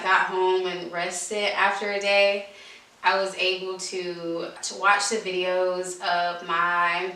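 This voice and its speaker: A woman vlogger with a lowish, bright and forceful voice tells a story casually to camera. She's informal and emphatic, repeating herself to drive points home, and the recording is roomy and echoey, picked up by a distant microphone.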